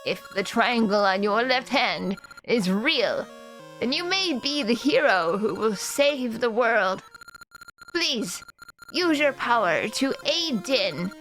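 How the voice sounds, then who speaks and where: An earnest old royal nurse from a fantasy game, as a woman acts her out. She speaks slowly and pleadingly, like an elderly lady, over faint music. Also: on the high side, animated, a bit bright, rough recording.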